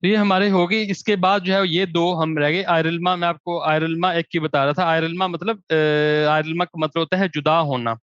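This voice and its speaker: A man teaching grammar as a language teacher, giving examples in slow, drawn-out words between quicker explanation. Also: on the high side, steady tone, fairly bright tone, clear, resonant tone, dry recording. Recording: dry, dull lo-fi recording.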